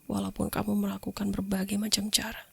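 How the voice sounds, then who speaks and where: A woman gives a motivational pep talk in a breathy ASMR whisper, speaking straight to the listener in short, deliberate phrases. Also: mid-range voice, monotone. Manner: addresses the listener directly. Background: soft plucked guitar music.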